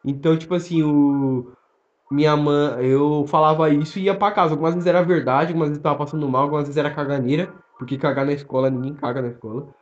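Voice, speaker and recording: A young man with a Brazilian accent, telling stories in fast, slangy casual podcast chat full of fillers. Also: on the high side, fairly even intonation. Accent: Brazilian Portuguese. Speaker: podcast co-host. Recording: roomy, dull lo-fi sound.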